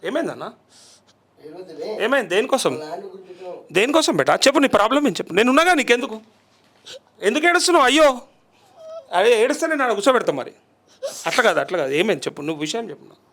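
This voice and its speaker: A man's voice: sits high, very animated, fast, pauses often, a bit bright. A male journalist, interviewing people on the spot, coaxing them and repeating their answers back.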